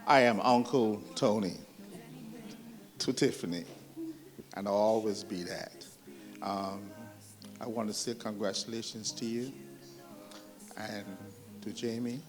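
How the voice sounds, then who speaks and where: Low-voiced uncle giving a heartfelt toast. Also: male voice. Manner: measured, heartfelt, with fillers. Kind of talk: wedding speech. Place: wedding reception hall. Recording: music in the background.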